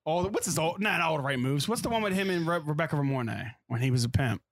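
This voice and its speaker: A man co-hosting a podcast, excitable and teasing, with loud reactions. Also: a little high, fast talker. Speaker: podcast co-host. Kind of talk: casual podcast banter.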